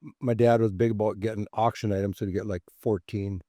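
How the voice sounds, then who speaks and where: A man chatting on a podcast, rambling through anecdotes and chuckling along the way. His voice is low and mellow. The recording is dry and close. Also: level tone, quick pace, no room sound. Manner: rambling anecdotes with laughs and restarts. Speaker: podcast co-host. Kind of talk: casual chat.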